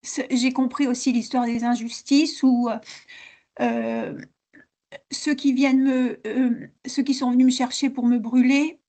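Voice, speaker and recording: A woman recounting her experiences as a client in a hypnosis session, talking in a halting way with many fillers and restarts. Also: high-pitched, steady tone, warm tone.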